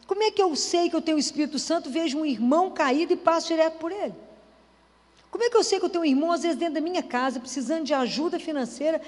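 High-voiced woman preaching in a hall. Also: very fast, a little mellow. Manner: conversational, asks the audience rhetorical questions. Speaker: lay preacher.

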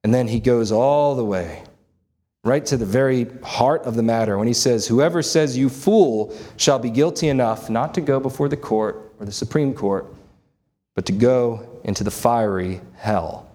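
A man preaches in a church sanctuary. He explains scripture in earnest, measured phrases and often poses rhetorical questions to the congregation. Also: mid-range voice, mellow. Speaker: pastor. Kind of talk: sermon.

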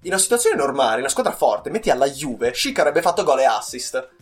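A man's voice: mid-range voice, big pitch swings, fast talker, breathy edge, soft background music. A young man co-hosting a casual football chat, giving opinions in a slangy way. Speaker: football podcast co-host.

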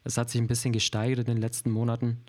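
A man from Germany, a photographer and videographer, talking as a podcast guest in a relaxed chat, often pausing and restarting his sentences. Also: mid-range voice. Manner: hesitant, many fillers and restarts. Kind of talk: casual podcast interview.

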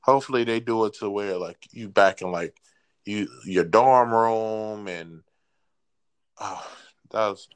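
A man co-hosting a casual gaming podcast, joking and sarcastic, quick to laugh. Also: on the low side, clear, resonant tone. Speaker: podcast co-host. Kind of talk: casual chat.

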